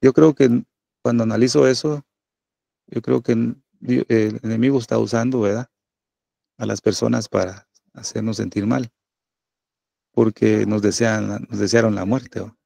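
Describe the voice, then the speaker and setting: A man's voice: on the low side, fairly even intonation, a little slow, creaky, pauses often, mellow, no room sound. A middle-aged man, a pastor preaching a sermon in a conversational way, often tagging his points with little questions to the listeners.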